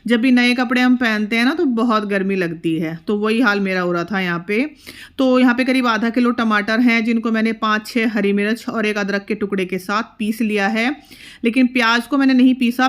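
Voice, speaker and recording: A woman's voice: fairly high pitch, moderate pace. Chatty woman narrating her cooking. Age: middle-aged. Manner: chatty, step-by-step explaining while cooking. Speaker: cooking vlogger. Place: home kitchen.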